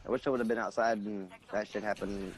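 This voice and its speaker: A man's voice: fairly low pitch, fairly even intonation, fast talker, noisy background. A man co-hosting a gaming podcast, telling stories in a rambling, profane way. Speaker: podcast co-host. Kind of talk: casual gaming chat.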